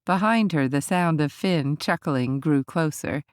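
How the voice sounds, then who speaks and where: Smooth low-voiced woman narrating. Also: unhurried, no room sound, clean studio sound. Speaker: audiobook narrator. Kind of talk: scripted romance narration.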